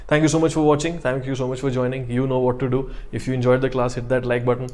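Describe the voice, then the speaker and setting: A man's voice: medium pitch, level tone, fast talker, darkish tone. A man with a North Indian accent giving a live lecture as an online teacher, explaining step by step and repeating key phrases with Hindi check-in tags.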